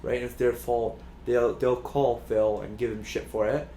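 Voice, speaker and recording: A man's voice: mid-range voice, level tone, normal speed, mellow, a little hiss or hum. A man co-hosting a podcast, chatting casually in a rambling way with lots of fillers and restarts. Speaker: podcast co-host. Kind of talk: casual chat. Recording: echoey room.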